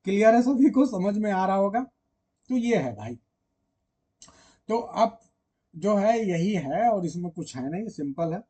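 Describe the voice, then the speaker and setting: A man's voice: high voice, big pitch swings, measured pace, long pauses, mellow, husky. A man teaching literature in a casual online lecture, chatting directly with his students and drawing out words when he sings an example.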